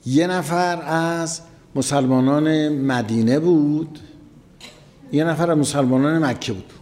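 Male preacher, slightly high voice, casual storytelling sermon, long echo of a large hall. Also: dark tone. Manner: conversational, repeats phrases for emphasis.

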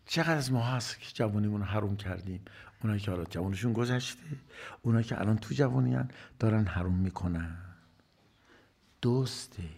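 A man's voice: on the low side, creaky, darkish tone. A man giving a religious sermon, asking rhetorical questions and answering them himself, rising to emphatic bursts and dropping to whispered asides. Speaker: preacher.

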